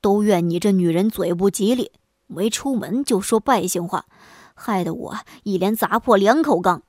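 A woman's voice: fairly high pitch, animated, measured pace. A woman voicing a hot-headed male pot peddler in a storybook tale, blustering and complaining. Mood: grumbling.

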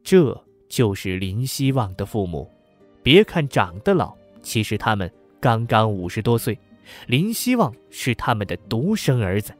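A man voicing a police officer who speaks quietly and hesitantly, explaining things to his chief. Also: fairly low pitch, big pitch swings, measured pace, soft background music. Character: male police officer, familiar with the family.

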